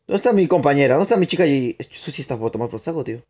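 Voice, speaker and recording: Mellow-voiced man streaming a game. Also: mid-range voice, lively intonation, very fast. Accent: put-on Spain Spanish. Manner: chatty, answers viewers' chat while playing, rambling restarts. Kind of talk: live gaming stream commentary.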